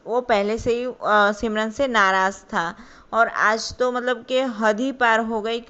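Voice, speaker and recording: A woman's voice: fairly high pitch, fairly bright tone, clean tone. A woman telling a love story in a casual spoken way, loose and full of fillers. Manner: loose, with many fillers and restarts. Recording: dull lo-fi recording.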